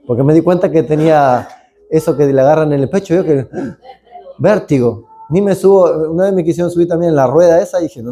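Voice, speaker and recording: A man's voice: medium pitch, warm tone. A male pastor preaching a conversational sermon, full of asides, tag questions like "¿no?", and acted-out sounds. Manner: conversational, rambling asides, frequent "¿no?" tags; acts out sounds and screams.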